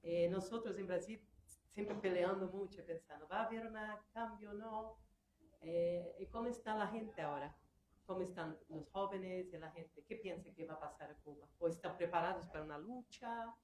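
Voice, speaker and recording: A woman from Brazil with Portuguese as her first language, asking a question from the audience in an earnest, halting way. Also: lowish voice, a little mellow. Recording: echoey room, faint background noise.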